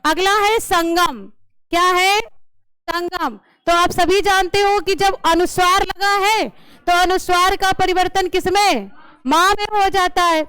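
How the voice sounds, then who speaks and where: A woman's voice: very high voice, fairly even intonation, fairly bright tone, no echo. A woman teacher taking a class through a grammar lesson, asking questions and repeating the answers. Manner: slow, drilling questions and answers.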